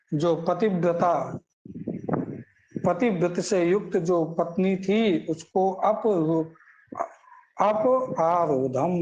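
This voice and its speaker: A man's voice: high-pitched, darkish tone, lo-fi sound. A man teaching scripture, chanting Sanskrit verses and then explaining them line by line, asking questions and answering them himself.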